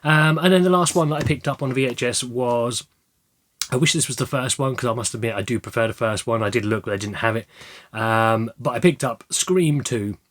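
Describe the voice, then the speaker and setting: Chatty man, slightly croaky. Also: mid-range voice, brisk, a bit bright. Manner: chatty and rambling, many ums and restarts. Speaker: video creator showing a film haul. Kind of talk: casual chat.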